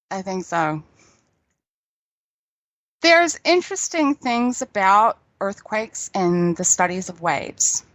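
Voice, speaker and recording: A woman's voice: medium pitch, fairly bright tone, dry recording. Nz lady scientist, laughs a lot, talks casual, dry close mic. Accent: New Zealand. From New Zealand. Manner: chatty, laughs often, self-deprecating. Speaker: scientist guest. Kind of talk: casual radio interview.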